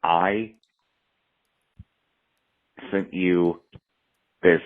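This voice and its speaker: On a tinny phone-line voicemail, a man leaves a rambling, profane message for a show, hopping from one topic to another. His low voice stays steady, drawing out his words.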